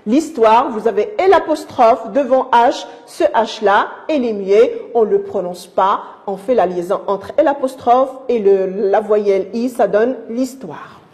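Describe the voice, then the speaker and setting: A woman's voice: fairly high pitch, darkish tone. A woman teaching a lesson to young pupils, patient and repeating herself, speaking to them affectionately. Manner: slow, patient, repeats and restarts words. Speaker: primary school teacher. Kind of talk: recorded lesson explaining to young children.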